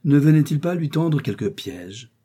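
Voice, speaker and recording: A man narrating a classic novel as an audiobook in a calm, even storytelling manner. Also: a little high, moderate pace, husky.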